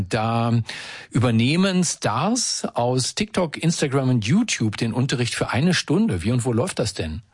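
A man's voice: medium pitch, breathy edge, dry recording, studio quality. A man hosting a radio show, chatting casually and playfully with a reporter. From Argentina. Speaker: radio host.

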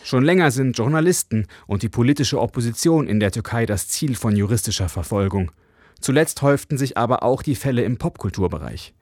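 Male correspondent, measured news read, dry booth sound, mid pitch. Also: animated, a little mellow, dry recording. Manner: measured, clear reporting delivery. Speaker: foreign correspondent. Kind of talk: radio news report.

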